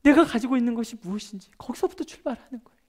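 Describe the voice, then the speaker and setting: A middle-aged man preaching a prayer-meeting sermon as a pastor, chatting through personal stories and moving between loud emphasis and soft, hushed asides. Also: extremely high pitch, expressive, very fast. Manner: conversational, tells personal stories with gestures.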